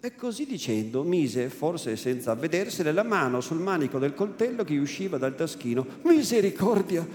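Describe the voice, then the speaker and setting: A male theatrical reader with an Italian accent narrates slowly and dramatically at a live event. His voice sits a little high for a man. The hall adds a clear echo over a faint ambient hum. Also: big pitch swings. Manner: slow, measured, dramatic narration. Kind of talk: theatrical literary reading.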